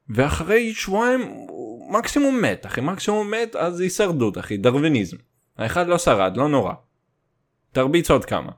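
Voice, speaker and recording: A young man with a Russian accent in his Hebrew, rambling casually and comedically in crude slang, swearing and dropping in English words. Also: on the high side. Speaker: solo host.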